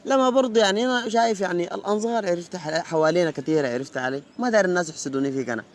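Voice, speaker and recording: A man playing a smooth-talking Sudanese student. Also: high-pitched, rapid-fire. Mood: charming. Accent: Sudanese Arabic. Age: young adult. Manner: chatty, keeps saying "you know?". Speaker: university student.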